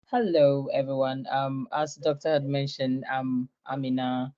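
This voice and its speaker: A woman's voice: a bass voice, level tone, unhurried, muffled recording. A young woman from Ghana, a guest in an online interview, introducing herself in a friendly way with many filler sounds and easy laughter.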